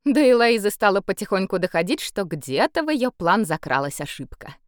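A woman of medium pitch reads a scripted audiobook narration at normal speed in an expressive storytelling style. The recording is clean studio sound with no room sound.

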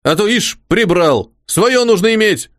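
Here a man performs an audiobook role: an old soldier-servant, devoted and humble, eagerly fussing over his officer in tumbling, rustic folksy speech. The voice is high, fairly bright and expressive, moving up and down at a slightly slow pace, with a close, dry, echo-free sound.

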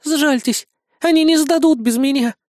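A reader voicing a frightened young woman who pleads in a high, tearful voice in an audiobook. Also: lively intonation, slow, slightly rough, no room sound, studio quality, heavily acted. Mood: terrified, pleading.

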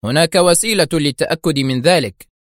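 A man's voice: on the high side, a little fast, no echo, clean studio sound, voice pushed up, close to an everyday voice. A man voicing a stern, worried male intelligence chief in an audiobook, giving firm commands.

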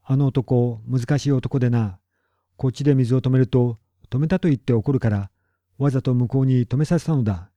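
A man's voice: medium pitch, normal speed, warm tone, no room sound, clean studio sound, natural voice. A man reading as a proud, stubborn old-school farmer. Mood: gruff, determined. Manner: blunt and boastful. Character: proud, stubborn middle-aged male big farmer. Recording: dull lo-fi recording.

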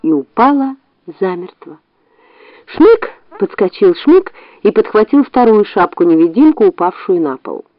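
A woman narrating a children's storybook audiobook with an expressive reading. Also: mid-range voice, normal speed, no echo. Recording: dull dry studio audiobook.

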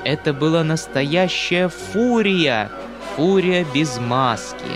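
A man reading a classic novel aloud as an audiobook narrator, expressive and measured. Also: a little high, music in the background. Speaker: audiobook reader.

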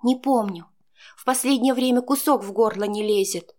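A woman's voice: on the high side, moderate pace, a little mellow, natural voice. A woman voicing a frightened young woman who pleads and sobs in an audiobook. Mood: tearful pleading. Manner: pleading, sobbing.

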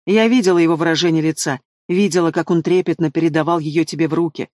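A man's voice: a little high, fairly even intonation, fast talker, a little mellow, no room sound, clean studio sound, natural voice. A man reading an audiobook, voicing a spiteful, scornful queen who hisses her threats. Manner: hissing, scornful. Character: spiteful hissing queen, cruel stepmother.

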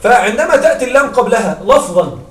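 Heard from a distance in an echoey room, a man teaches Arabic grammar to a class in a very high-pitched, slightly bright voice, talking fast and very animatedly. He often pauses to check understanding with questions to his students.

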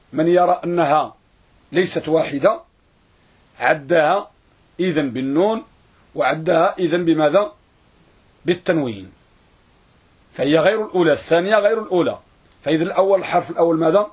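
A man teaching a grammar lesson, who repeats words and draws them out slowly for students to write down. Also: on the high side, husky. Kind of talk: classroom lesson.

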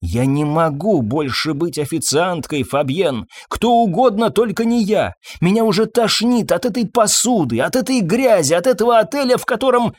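Резкая, крикливая женщина-официантка средних лет, которую высоко и звонко изображает мужчина-чтец, раз за разом язвительно отчитывает мужа. Интонация скачет вверх и вниз. Запись в сухой, неотзвучной комнате. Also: male voice, sing-song, measured pace, hardly any pauses, dry recording, clean studio sound, exaggerated voice. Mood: weary scorn. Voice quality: high, sharp and shouting. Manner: scornful, nagging outbursts. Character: shrill, bitter, scolding middle-aged woman waitress.

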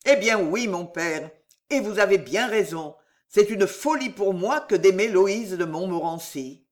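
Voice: mid-range voice, animated, a little slow, natural voice. A reader voicing a young knight, a sad and respectful son, in an audiobook. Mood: earnest. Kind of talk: audiobook character reading.

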